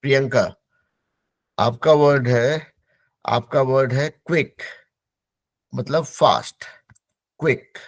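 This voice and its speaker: With a medium-pitched voice and no room sound, a patient male teacher runs an English pronunciation drill. In this online class he says each word slowly and repeats it.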